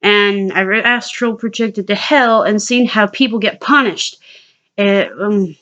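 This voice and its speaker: A woman's voice: mid-range voice, fairly even intonation, unhurried, a bit bright, muffled recording. A woman vlogger telling a personal story in a casual, rambling way, swearing freely and restarting her sentences.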